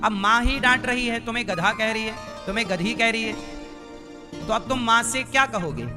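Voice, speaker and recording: A high-pitched male preacher gives a live devotional sermon. He drives his points home through repetition and rhetorical questions, and he pushes the crowd to call out answers. Instrumental music plays clearly beneath his voice. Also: normal speed. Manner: repetitive, emphatic teaching cadence. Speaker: preacher giving a religious discourse.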